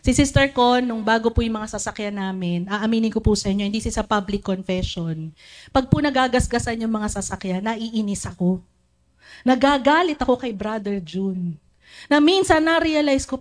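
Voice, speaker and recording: A woman preaching a sermon, telling stories in an animated way and acting out the voices she quotes. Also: on the high side. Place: church.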